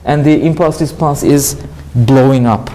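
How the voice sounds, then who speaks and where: A university lecturer with a Turkish accent, a native Turkish speaker, giving a classroom lecture and often asking questions, then answering them himself. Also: male voice, mid-range voice, a little slow, dark tone, a little hiss or hum, rough recording. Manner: explanatory, asks and answers his own questions. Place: lecture hall.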